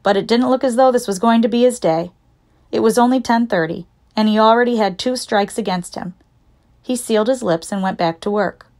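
A woman narrating a children's storybook in a lively, expressive reading voice. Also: on the high side, fairly quick. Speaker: audiobook narrator.

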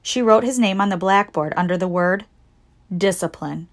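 A woman narrating a children's storybook in a lively, expressive reading voice. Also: mid-range voice, moderate pace. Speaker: audiobook narrator.

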